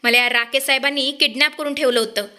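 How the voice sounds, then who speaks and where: Frightened humble watchman man, begging and pleading, read by a woman in a high bright voice. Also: fairly even intonation, quick pace.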